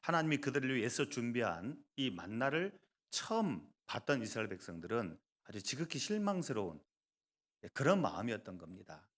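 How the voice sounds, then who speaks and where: Male pastor preaching in a lively, sing-song voice, with punchy emphasis, hushed asides and jokes for the pews. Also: mid-range voice, a little fast. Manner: animated, swings between loud emphasis and soft asides; joking, conversational asides to the congregation. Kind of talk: sermon.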